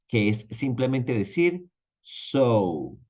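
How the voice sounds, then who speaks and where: A man's voice: medium pitch, muffled recording. A man teaching an online language lesson, explaining patiently and checking in with his viewers. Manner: lively, drawn-out teaching delivery with repeated check-ins. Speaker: English teacher.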